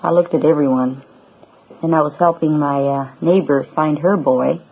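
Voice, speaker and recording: A woman's voice: deep voice, fairly even intonation, moderate pace, husky. A mother recounting events in an interview, plain and subdued. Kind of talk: recorded interview testimony. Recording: tinny lo-fi old radio recording.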